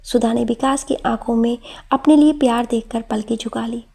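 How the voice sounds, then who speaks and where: A woman narrating an emotional story in a steady storytelling voice. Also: fairly high pitch, normal speed, creaky, breathy edge.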